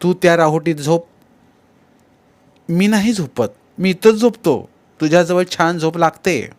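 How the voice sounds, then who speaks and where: A man's voice: a little high, expressive, measured pace, pitched above the performer's own voice. A man voicing a nosy male helper who whines and pushes in a raised voice. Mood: whining.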